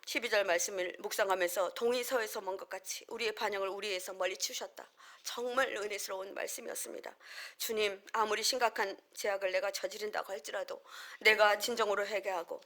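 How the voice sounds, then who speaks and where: A woman's voice: steady tone, fast talker, a bit bright. Korean woman pastor preaching earnestly. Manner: earnest, conversational preaching with homely family examples; acts out short quoted lines with sudden rises in pitch and volume. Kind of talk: sermon.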